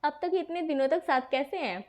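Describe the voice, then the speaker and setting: A woman's voice: high voice, expressive, brisk, darkish tone. A woman voicing a playful, cheeky teenage boy who teases and protests in a storybook reading. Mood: teasing. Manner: teasing, whiny protests.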